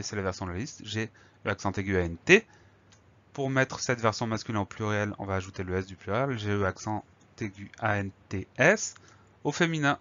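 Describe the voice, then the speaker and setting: A man's voice: lowish voice, fairly bright tone, dull audio. A man teaching a spelling lesson, patiently spelling words out letter by letter.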